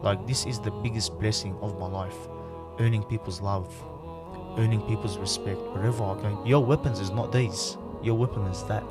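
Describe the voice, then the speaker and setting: A low-pitched man around thirty, from Lebanon, speaking as a podcast guest. He is earnest and reflective and keeps circling back with "you know" as he works through his thoughts. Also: fairly even intonation, normal speed, loud music behind the voice. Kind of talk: candid interview talk.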